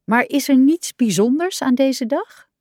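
A woman voicing a cheerful young male frog who is eager and easily upset, in an expressive storybook voice. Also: sits high, measured pace, dry recording, clean studio sound, pitched above the performer's own voice. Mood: curious.

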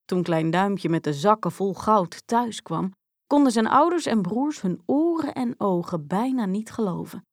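A woman tells a children's fairy tale in a slow, expressive storytelling voice, leaving room between her phrases. Her pitch sits at an ordinary middle height. The recording is close and dry, with no room echo.

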